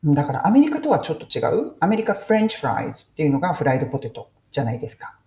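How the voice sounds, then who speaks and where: A woman talks through a relaxed English mini-lesson, chatty and full of friendly asides. Her pitch rises and falls in a very lively way. The recording sounds roomy and a little muffled. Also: rapid-fire, a little hiss or hum. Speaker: English teacher podcaster.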